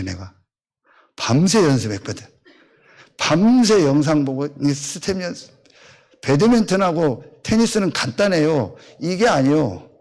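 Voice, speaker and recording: A pastor in his fifties telling a personal story in a sermon, acting out the back-and-forth of conversations in a blunt, colloquial way. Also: a little high. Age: 50s. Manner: animated storytelling, acting out both sides of conversations.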